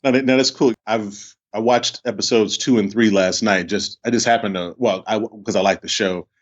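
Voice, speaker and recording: This male podcast host speaks at a normal pace in a fairly low voice with steady, even intonation. He keeps the interview chat casual and tends to repeat himself, and the lo-fi microphone leaves the sound slightly muffled.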